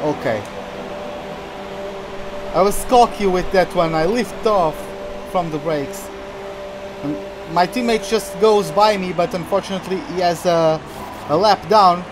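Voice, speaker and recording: Guy playing a racing game, chatting through the race casually, loud engines behind the voice. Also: high-pitched, measured pace, long pauses, noisy background. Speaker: video game player and commentator. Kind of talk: casual live gameplay commentary. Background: racing game car engines.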